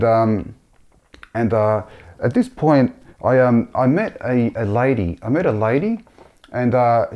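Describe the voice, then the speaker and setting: A man sharing a personal religious testimony in a halting, earnest way, often repeating himself. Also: mid-range voice, mellow.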